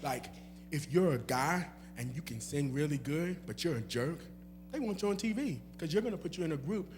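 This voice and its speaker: A man's voice: on the high side, expressive, a little fast, background noise. A young man, a guest singer, answering audience questions in a loose, rambling way with many fillers and laughs, in a church hall. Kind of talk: casual Q&A chat.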